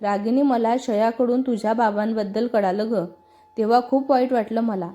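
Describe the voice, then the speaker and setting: Woman voicing a gentle young bank worker. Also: on the high side, steady tone, moderate pace, natural voice. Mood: apologetic. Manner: gentle, apologetic.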